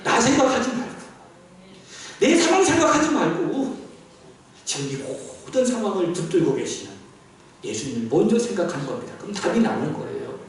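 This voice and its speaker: High, lively pastor preaching in echoey hall. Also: male voice, brisk, recorded from a distance, a little hiss or hum. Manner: animated preaching, asks the congregation questions. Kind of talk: sermon. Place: church sanctuary.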